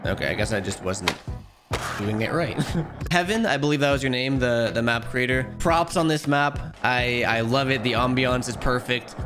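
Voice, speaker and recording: Excitable man commenting on skate gameplay. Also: mid-range voice, moderate pace, over music. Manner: excitable, jokey, talks to himself while playing. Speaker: gaming YouTuber.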